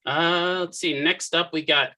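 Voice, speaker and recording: Guy running an orientation on a video call, super bright voice, quick upbeat thanks. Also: on the high side, fairly even intonation. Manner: upbeat, brief thank-yous between speakers. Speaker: program instructor hosting orientation. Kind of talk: casual meeting facilitation.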